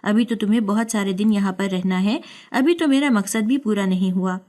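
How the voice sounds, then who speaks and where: A woman's voice: mid-range voice, a little mellow, lightly acted. A woman voicing a sinister male doctor who taunts and threatens in a cold tone, in a dramatic audio story. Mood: menacing. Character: sinister predatory male doctor, mocking and menacing.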